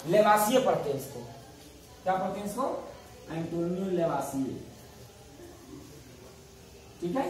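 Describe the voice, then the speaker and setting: A male science teacher leads a class from across a very echoey room, with the camera far away. He keeps asking his students questions and answering them himself, repeating every key term. Faint hiss runs under the recording. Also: sits high. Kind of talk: classroom lesson.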